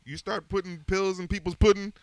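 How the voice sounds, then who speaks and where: A man co-hosting a podcast in casual chat, animated and joking, with profane banter and bursts of laughter. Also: sits high, brisk, clear, resonant tone, no echo, low-quality recording. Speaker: podcast co-host.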